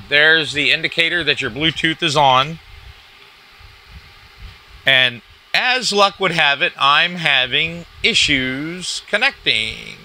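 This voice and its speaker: Man, casual product walk-through, crisp forceful tone, somewhat raised pitch, informal reviewer. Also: low-quality recording. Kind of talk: casual hands-on gadget demonstration. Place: indoors at a cluttered wooden desk.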